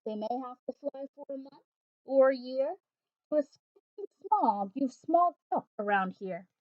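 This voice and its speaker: A woman's voice: high-pitched, animated, moderate pace, dry recording. A woman voicing a small, stern forest creature who scolds in emphatic rhyming lines. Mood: pleading. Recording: dull, dry home recording.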